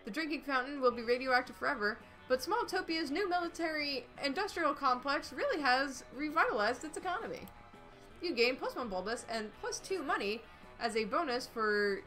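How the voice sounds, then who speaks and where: A woman's voice: high-pitched, lively intonation, moderate pace, sharp tone, soft background music. A woman narrating a dating game on a stream, reading the text in a playful, upbeat way with dry asides.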